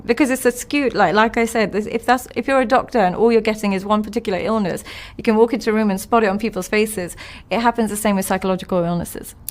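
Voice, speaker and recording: A woman coaching on relationships as a podcast guest, telling stories from her practice in a blunt, emphatic, animated way. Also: mid-range voice, quick pace. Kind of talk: conversational podcast interview.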